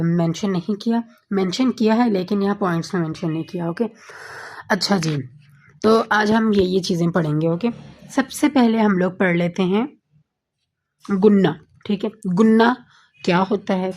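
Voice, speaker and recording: A woman teaching an online Quran recitation lesson. She explains patiently, keeps checking in with her listeners and slows down to recite the Arabic examples. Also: medium pitch, a little mellow. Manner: patient, repeats points with frequent checking fillers.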